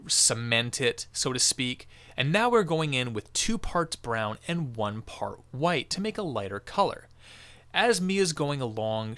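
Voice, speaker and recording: A man narrates a crafting tutorial in an encouraging, jokey manner. His voice is bright and swings freely up and down in pitch.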